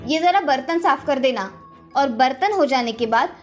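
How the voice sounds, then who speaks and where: A woman voicing a harsh, bossy stepmother who barks orders and taunts, for an animated story. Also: sits high, normal speed, soft background music. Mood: scolding. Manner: bossy, taunting, sharp commands. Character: harsh scolding stepmother, middle-aged woman.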